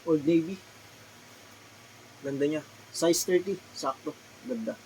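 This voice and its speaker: Slow, polite Filipino man showing clothes. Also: fairly high pitch, darkish tone, a little hiss or hum, low-quality recording. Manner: slow, polite, repeats item names and sizes. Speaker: thrift clothing seller. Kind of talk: casual product showcase vlog. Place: his small shop.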